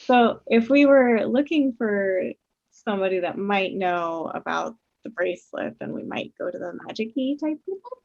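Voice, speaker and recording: A woman's voice: mid-range voice, expressive, normal speed, creaky, a little mellow, dull audio. A woman playing in a tabletop game, asking questions in casual chat. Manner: inquisitive, asks many questions. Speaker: player.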